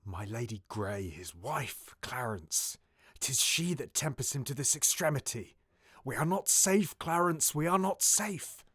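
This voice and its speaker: An actor playing Richard III as a bitter, scheming duke in a classical audio drama, with a theatrical, confiding delivery. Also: male voice, mid-range voice, animated, measured pace, a bit bright, breathy edge, no echo, studio quality. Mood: feigned concern. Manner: intimate, theatrical, often near-whispered soliloquy. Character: scheming, bitter duke, villainous brother of the king.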